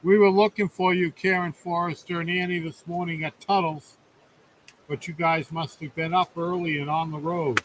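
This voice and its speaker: A man's voice: on the high side, flat delivery, normal speed, rough recording. Easygoing joking man with faint hiss behind. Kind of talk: casual live chat.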